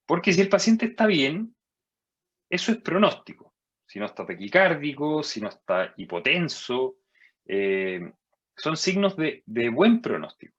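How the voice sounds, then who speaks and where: A man giving a medical lecture as a physician, measured and explanatory, jumping higher in pitch to stress key points. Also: big pitch swings, a bit bright, breathy edge, dull audio. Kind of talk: medical lecture over slides.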